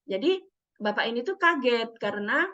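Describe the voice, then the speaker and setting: Her voice on the high side and her pace moderate, a middle-aged psychologist animatedly acts out dialogue while storytelling at a parenting seminar. The sound quality is dull and muffled, distinctly lo-fi.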